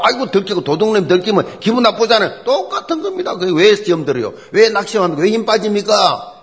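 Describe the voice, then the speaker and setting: A middle-aged male pastor preaching with real fire, his voice sitting high and leaping up and down as he goes. He keeps asking the congregation questions and repeating his key phrase to drive it home. Emphatic, lively sermon delivery. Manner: animated, emphatic preaching with rhetorical questions and repetition.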